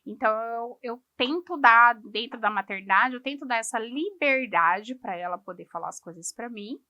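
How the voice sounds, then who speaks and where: Brazilian woman, high-pitched, bright tone, dry close sound, acts out dialogue, laughs often. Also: normal speed, no echo. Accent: Brazilian Portuguese. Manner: lively storyteller acting out dialogue, laughing often. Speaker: podcast guest. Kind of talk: casual chat.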